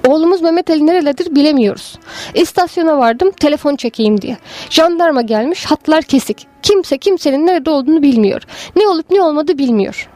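A woman's voice: high voice, animated, fairly quick, warm tone, voice pushed up. A woman voicing a stout aging village man who is anguished and calls out urgently, reading from a story.

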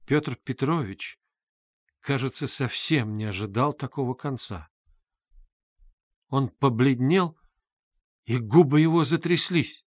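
A man narrating a classic novel in a measured, even audiobook reading. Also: medium pitch, no room sound, studio quality.

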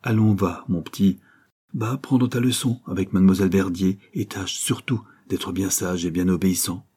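A man voicing a gentle, sad young mother. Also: sits low, fairly even intonation, normal speed, husky. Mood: gentle tender. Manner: soft, tender, pleading. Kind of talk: audiobook character reading.

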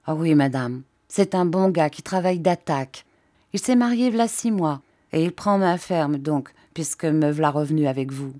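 A woman's voice: deep voice, lively intonation, moderate pace, mellow, dry recording, studio quality. A woman voicing an older female farm servant who is blunt and affectionate, with rustic dropped syllables. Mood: plain.

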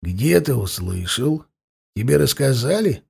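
A man voicing a grim, menacing warrior who speaks quietly, evenly and without hurry. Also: medium pitch, vocal fry, husky, heavily acted. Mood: cold. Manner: quiet, even and unhurried.

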